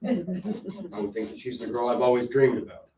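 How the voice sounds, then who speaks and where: An actor playing a courteous, bemused, lovelorn newcomer in a comic stage show. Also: male voice, medium pitch, steady tone, brisk, warm tone, close to an everyday voice. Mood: smitten. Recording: echoey, distant, noisy stage recording.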